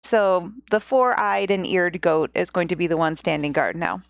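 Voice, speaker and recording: A woman's voice: fairly low pitch, normal speed, creaky, no echo, clean studio sound. A woman hosting a podcast, retelling a fairy tale in a chatty, jokey way with asides. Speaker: podcast host and storyteller. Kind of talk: casual storytelling with asides.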